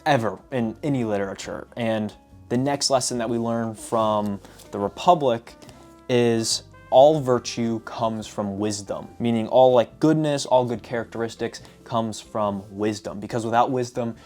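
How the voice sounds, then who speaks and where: A man casually summarizing lessons from books, telling stories in an animated way with repeated filler phrases. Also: medium pitch, a little slow, faint music behind. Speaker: book reviewer. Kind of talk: casual book summary vlog.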